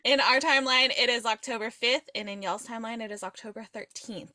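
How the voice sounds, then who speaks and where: A woman's voice: fairly high pitch, fast, sharp tone, dry recording, studio quality. A woman co-hosting a podcast, upbeat and giggly in casual chat. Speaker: podcast co-host.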